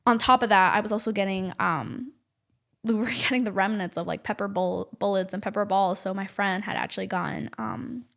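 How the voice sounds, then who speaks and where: A woman guest on a casual podcast, telling her story in an animated way and often saying "like". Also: mid-range voice, brisk, gravelly. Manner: animated storytelling, heavy use of "like". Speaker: podcast guest, nonprofit advocate and activist.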